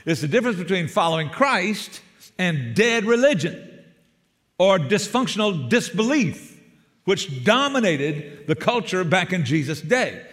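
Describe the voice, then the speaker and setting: A man's voice: high voice, big pitch swings, a little slow, a bit bright, in a large hall. An older man with a South Georgia accent preaching as a guest pastor, folksy and joking and calling for amens. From Savannah, Georgia. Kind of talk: sermon. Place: church sanctuary.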